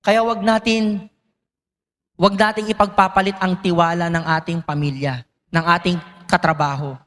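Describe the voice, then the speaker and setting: High-voiced male preacher in an echoing church. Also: little pitch movement, normal speed, a bit bright. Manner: engaging, asks the congregation questions. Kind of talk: sermon.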